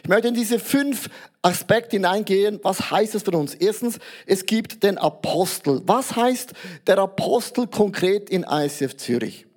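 High-voiced pastor preaching. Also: male voice, unhurried. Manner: lively preaching with examples and English loanwords. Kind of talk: sermon.

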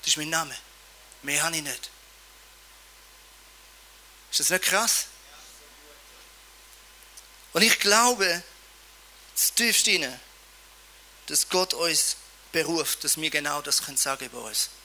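A preacher delivers a sermon with lively emphasis and playful asides. His voice is high-pitched for a man and very bright and sharp in tone. He lands his points firmly. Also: slow, long pauses, slight background noise.

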